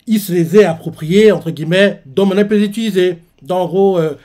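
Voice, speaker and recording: A man's voice: sits high, brisk, mellow. A man casually recapping a manga chapter as a reaction host, rambling with many restarts. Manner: rambling, with constant filler tags and restarts.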